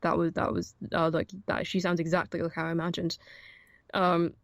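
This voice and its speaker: A woman's voice: on the low side, monotone, normal speed, no room sound, clean studio sound. A young woman, an audiobook narrator, chatting casually as an interview guest, with many fillers and restarts. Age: young adult.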